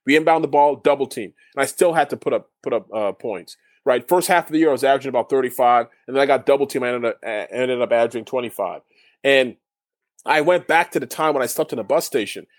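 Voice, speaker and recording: A man's voice: medium pitch, fast, dry recording, clean studio sound. A man, a guest in a casual interview, telling his story in a rambling way with many restarts. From Canada. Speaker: guest, former overseas basketball player.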